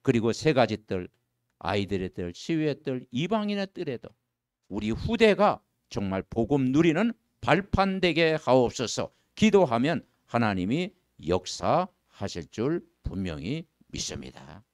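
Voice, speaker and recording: A male pastor preaching a sermon, asking the congregation questions and answering them, and reading scripture slowly and with weight. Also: mid-range voice, sing-song, dry recording, clean studio sound. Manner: emphatic call-and-response preaching with rhetorical questions; slow, declaiming scripture reading. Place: church.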